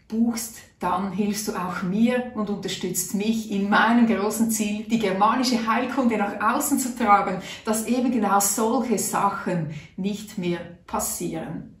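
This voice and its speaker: Seated at a table in a small room, a middle-aged Swiss woman who makes natural health vlogs earnestly chats through a personal story to camera, acting out her own thoughts. She has a medium-pitched voice, recorded from a distance so the sound is roomy and off-mic.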